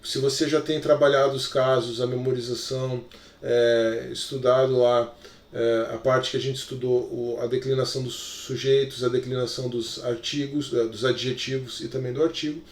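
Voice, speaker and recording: In an echoey room, heard from a distance, a male Greek teacher with a Brazilian Portuguese accent gives a recorded lesson. His voice is medium-pitched and flat at a normal speed, and he explains things while dropping in many little check-in fillers.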